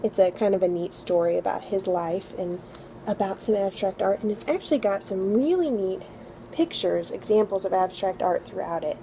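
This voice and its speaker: A woman's voice: medium pitch, normal speed, vocal fry, warm tone, a little hiss or hum, low-quality recording. A woman tutor walking through her weekly lesson plans in a chatty, upbeat way with frequent ums. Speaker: homeschool co-op tutor. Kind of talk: casual lesson-plan walkthrough.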